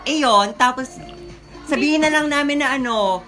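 A woman guest in a casual chat, eager and talkative, answering with quick yeses. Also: sits high, fairly bright tone, soft background music.

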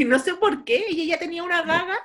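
A woman's voice: extremely high pitch, brisk, fairly bright tone. Giggly woman retelling a story. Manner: laughing often, acts out quotes in a raised voice. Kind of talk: casual chat retelling a story.

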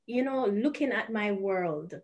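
A woman from Jamaica, a guest author answering interview questions in a thoughtful, measured way. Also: mid-range voice, expressive, darkish tone, highs cut off.

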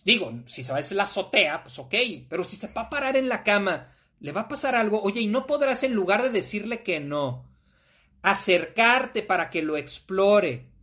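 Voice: mid-range voice, lively intonation, normal speed, sharp tone. A podcast host with a Mexican Spanish accent, talking casually and emphatically, full of slang, sometimes acting out little scenes.

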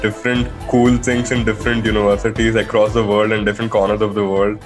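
A man's voice: on the low side, little pitch movement, quick pace. Young male host, rambling friendly intro, faint music under. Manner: chatty, rambling, light laughter. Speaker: podcast host. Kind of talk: casual podcast intro.

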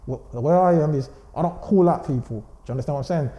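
A man's voice: a little high, quick pace, mellow, muffled recording. A man with a London roadman accent talking casually in street slang in an interview, emphatic and defensive, often checking he is understood. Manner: defensive, emphatic, repeats check phrases like "do you know what I'm saying". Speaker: blogger interview guest. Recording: roomy echo.

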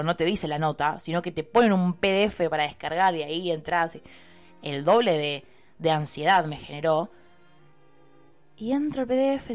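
A young Argentine woman talks straight to her audience with a slightly low voice, casual and expressive, dropping easy swear words as she tells her story. Soft music runs faintly underneath. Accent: Argentine Spanish. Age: young adult. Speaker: university student vlogger.

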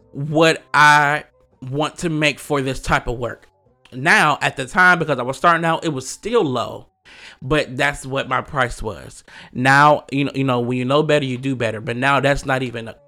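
A man hosting a podcast, telling a personal story in a casual, animated way, laughing often and acting out the voices he quotes. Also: fairly high pitch. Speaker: podcast host.

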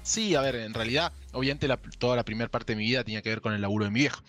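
A man in his forties with a mixed Argentine and Chilean accent, chatting as a podcast guest over a remote call, relaxed and jokey, swearing casually, with faint music behind. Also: medium pitch, racing.

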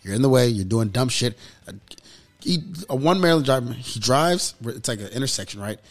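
Animated young man. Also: medium pitch, a little fast, faint music behind. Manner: animated, profane, acts out quotes in raised voice. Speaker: podcast co-host. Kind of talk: casual sports chat.

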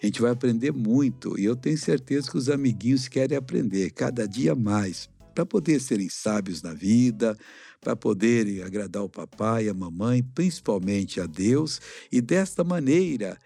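A man's voice: mid-range voice, expressive, moderate pace, vocal fry, dark tone, slightly rough, faint music behind. A middle-aged man with a Brazilian accent teaching a children's Bible lesson like an uncle, explaining and asking simple questions. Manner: avuncular, didactic, asks questions. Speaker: missionary Bible teacher, host.

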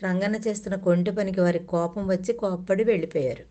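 Mellow-voiced woman telling children's stories. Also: medium pitch, steady tone, fast. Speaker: storyteller. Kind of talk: children's story narration.

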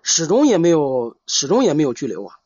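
Guy on a call, voice a bit high, halting, repeats himself, dry dull lo-fi audio. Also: big pitch swings, darkish tone, breathy edge, dry recording. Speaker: caller seeking advice. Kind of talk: casual chat.

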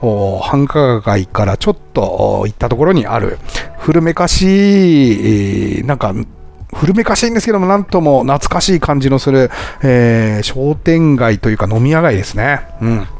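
A man's voice: medium pitch, sing-song, normal speed, vocal fry, darkish tone, faint music behind. A man hosting a casual travel podcast, chatting and often laughing at his own stories. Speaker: podcast host and travel Instagrammer.

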